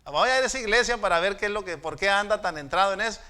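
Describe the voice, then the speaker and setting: Middle-aged mexican pastor preaching, high voice, goes quiet then loud. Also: male voice, very fast. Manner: storytelling, swinging between hushed asides and raised exhortations. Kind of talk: sermon. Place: church sanctuary.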